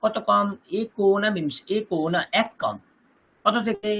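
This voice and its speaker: A Sanskrit teacher with a Kolkata Bengali accent giving an online lesson over a video call, reciting terms slowly one by one and quizzing the class. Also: mid-range voice, fairly bright tone, slightly rough, poor audio.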